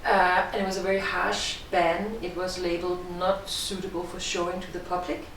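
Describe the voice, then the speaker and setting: A middle-aged woman director speaks with a Danish accent, explaining her work in a measured, thoughtful way. Her voice sits somewhat low and is picked up from a distance in a strongly echoing room, with a faint hiss behind it. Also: level tone, fairly bright tone. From Denmark. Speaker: film director. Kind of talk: interview answers. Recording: echoey room, distant mic.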